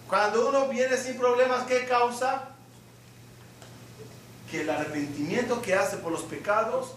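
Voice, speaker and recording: Male rabbi, sermon, high voice, quizzes the congregation, far off in a reverberant hall. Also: fairly bright tone, a little hiss or hum. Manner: asks the audience questions and acts out little scenes. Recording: echoey hall, mic from afar.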